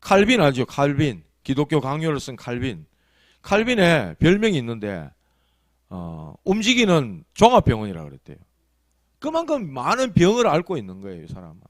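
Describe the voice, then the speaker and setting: A man preaches to a small church, his voice rising and falling widely as he throws rhetorical questions at the pews. The tone sits a little high for a man, and the sound is close and dry with no room echo. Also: wildly swooping pitch, moderate pace. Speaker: pastor. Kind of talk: afternoon sermon.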